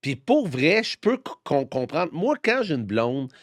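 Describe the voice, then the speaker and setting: A man's voice: on the high side, big pitch swings, a little slow, no echo, clean studio sound. A man with a Québécois French accent hosting a podcast, reacting expressively and restarting his sentences as he talks. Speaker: podcast host. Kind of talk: casual podcast conversation.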